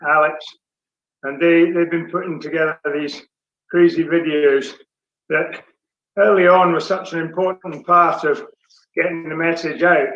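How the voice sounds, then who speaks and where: A man's voice: on the high side, little pitch movement, measured pace, fairly bright tone, slight background noise. A man hosting a livestream chat, teasing the others and laughing easily. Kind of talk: casual chat. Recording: muffled echoey room.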